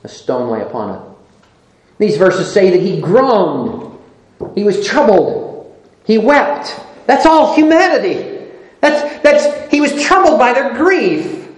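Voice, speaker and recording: A preacher giving a sermon, reading scripture aloud and repeating phrases for emphasis, moving between loud emphasis and soft low asides. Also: big pitch swings, slow pace. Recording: echoey room.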